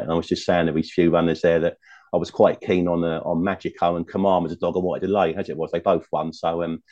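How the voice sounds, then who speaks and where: A man's voice: sits low, warm tone, muffled recording. A man talking through his betting picks as a racing pundit in a chatty, rambling way, full of asides. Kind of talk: casual betting chat.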